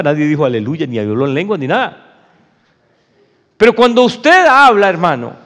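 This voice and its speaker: A man's voice: high-pitched, fairly bright tone, long reverb tail. A male pastor preaching a sermon in an emphatic, conversational way, often calling his listeners "brother".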